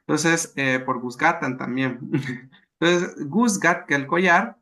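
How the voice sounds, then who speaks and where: A man leads a language lesson in a bright, slightly high voice. He explains each grammar rule patiently, repeating examples and checking in with his students as he goes. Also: slow. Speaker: language teacher.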